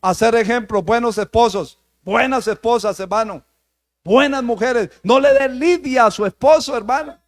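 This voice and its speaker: A man's voice: extremely high pitch, normal speed. A man preaching a sermon as pastor, repeating "brother" and building emphasis.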